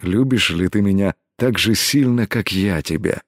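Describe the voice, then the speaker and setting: A man voicing a stern, protective starship captain who speaks low and hushed, in the audiobook's close reading. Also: normal speed, no echo, close to an everyday voice. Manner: low and hushed, growling when angry.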